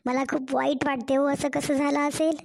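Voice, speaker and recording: A woman's voice: high voice, level tone, moderate pace, vocal fry. A woman with a Marathwada Marathi accent voicing a distressed young mother who complains and pleads in a cartoon story. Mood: pleading.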